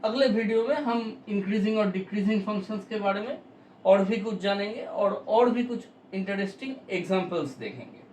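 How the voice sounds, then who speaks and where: A man teaching a math lesson, explaining slowly and step by step with frequent pauses. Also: high-pitched, darkish tone, reverberant, recorded from a distance, slight background noise, poor audio.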